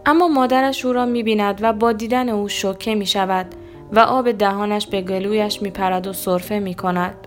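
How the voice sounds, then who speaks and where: A woman giving a calm, measured scripted devotional reading in a gentle storytelling manner. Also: medium pitch. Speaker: devotional reader. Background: soft guitar music.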